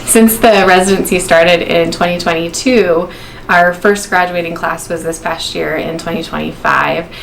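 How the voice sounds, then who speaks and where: A woman's voice: fairly low pitch, steady tone, normal speed, gravelly, slight background noise, rough recording. A woman from the residency faculty speaking steadily and informatively, with "um" fillers.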